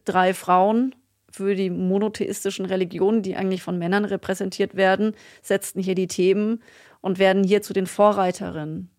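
A woman's voice: medium pitch, level tone, moderate pace, darkish tone. A woman hosting a podcast in casual conversation, asking questions and summing up. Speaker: podcast host.

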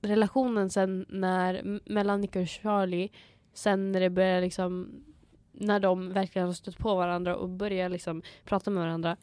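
A woman's voice: lowish voice, flat delivery, few pauses, clear, resonant tone, dry recording. Reflective young woman, dry close sound. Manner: warm, reflective, mixes in English phrases. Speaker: podcast co-host. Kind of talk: casual chat.

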